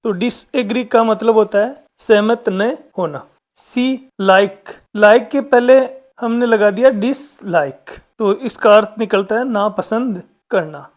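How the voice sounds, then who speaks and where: A woman's voice: on the high side, darkish tone. A woman teacher, patiently explaining a workbook lesson step by step and talking straight to the children.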